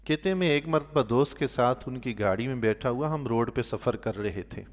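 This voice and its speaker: Here a mosque imam with a mid-range voice narrates stories as part of sermon-like Quran commentary, his words trailing into a long reverb. Loud, swelling emphasis alternates with gentle, quiet asides for his pious exclamations.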